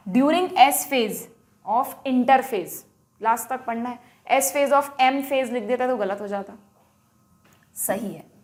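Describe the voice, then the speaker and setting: A woman teacher with an Indian accent walking students through an exam paper, explaining each answer briskly and quizzing them as she goes. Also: a little high, a little mellow. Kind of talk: exam paper walkthrough lesson.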